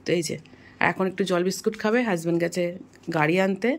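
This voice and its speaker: A woman vlogging casually from her home, chatting to viewers and scolding her daughter, her throat a little hoarse. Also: fairly low pitch, fairly even intonation, fast talker. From Bengal. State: throat slightly hoarse lately. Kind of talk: casual home vlog chat. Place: home kitchen and bedroom.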